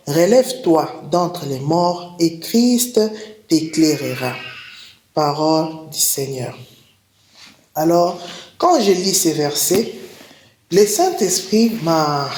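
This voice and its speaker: Halting woman preacher in an echoey room. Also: low-pitched, a little mellow. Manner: halting, repeats and restarts words, reads verses slowly. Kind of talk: spoken testimony with scripture reading. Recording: roomy echo.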